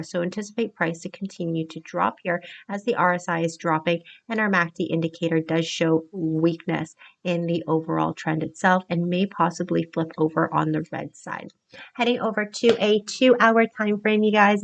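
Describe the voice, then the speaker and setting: A woman's voice: fairly low pitch, vocal fry. A woman walking viewers through cryptocurrency chart indicators step by step, calling them "you guys" in a casual analysis video. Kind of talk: screen-share market analysis.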